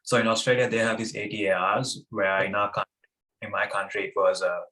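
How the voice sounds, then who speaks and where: A man's voice: fairly low pitch, level tone, a little fast, pushed and bright. Hesitant young Sri man. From Sri Lanka. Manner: hesitant, many fillers. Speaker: podcast guest. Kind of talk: casual interview chat.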